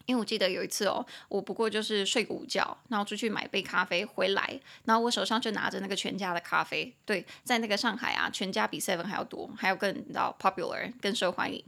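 Young woman, lively and bright-toned, casual bilingual teacher. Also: mid-range voice, vocal fry. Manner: chatty, switches between Mandarin and careful slow English. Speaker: podcast English teacher.

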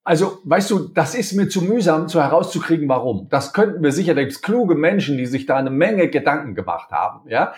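Animated man acting out dialogue. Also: fairly high pitch, brisk, few pauses. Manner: animated, acts out quoted dialogue in different voices. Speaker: interview guest, communication speaker. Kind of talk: conversational interview.

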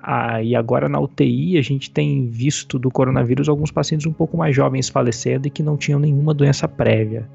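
A man in his thirties, an ICU doctor, explaining things in a measured way during an interview heard over a phone line. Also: medium pitch, fairly even intonation, gravelly, a little mellow, slightly rough. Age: 30s. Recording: dull, muffled phone call audio.

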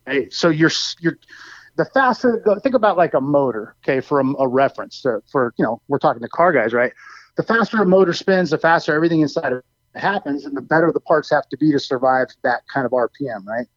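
A man with a slightly high voice comes through a compressed cell phone connection that keeps cutting out. The call sounds dull and lo-fi, yet close and dry. He explains technical details eagerly and leans on everyday comparisons. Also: expressive, fast, no echo. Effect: compressed cell phone line cutting out. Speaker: guest product expert.

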